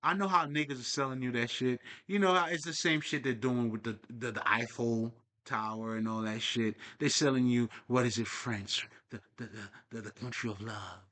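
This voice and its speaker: A man's voice: medium pitch, steady tone, normal speed, hardly any pauses, sharp tone. A young man talking in a casual, profane, rambling monologue as a spiritual vlogger. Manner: profane, streetwise, digressive.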